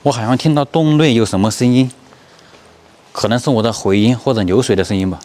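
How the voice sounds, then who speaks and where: A man vlogging as he walks through a deep cave, describing what he sees in a plain, casual way, his voice echoing off the rock. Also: a little fast, darkish tone. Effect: echo from speaking inside a deep cave. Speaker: travel vlogger. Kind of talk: casual walking-tour narration. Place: inside a large limestone cave.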